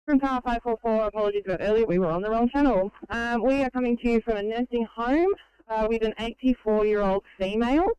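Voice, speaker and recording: A woman paramedic reports over two-way radio in a measured clinical style. The voice is exceptionally clear and smooth, with a dry sound and no room around it. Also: on the high side, warm tone, no room sound, muffled recording.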